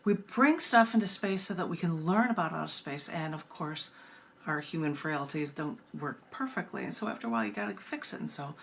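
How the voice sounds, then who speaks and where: The poet hosting this book reading is a woman with a fairly low, expressive voice and a fairly quick pace. She recites poetry, adds casual commentary between poems with emphatic phrasing, and there is clear background noise.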